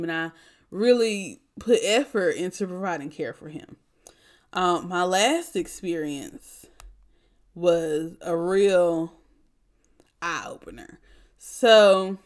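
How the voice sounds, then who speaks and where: Podcast host, young woman, a bit low-pitched, chatty and animated, acts out what people said. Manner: chatty, animated, laughs often, acts out quotes. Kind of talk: casual storytelling chat.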